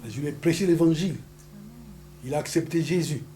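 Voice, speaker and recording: Un pasteur originaire du Congo, avec un congolais, prêche avec emphase dans une salle d'église et lance des alléluias à l'assemblée. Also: male voice, on the high side, brisk, warm tone, faint music behind. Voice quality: emphatic, repeats hallelujah to the congregation. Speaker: pastor. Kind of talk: sermon with call-and-response. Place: church hall. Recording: noisy church hall recording.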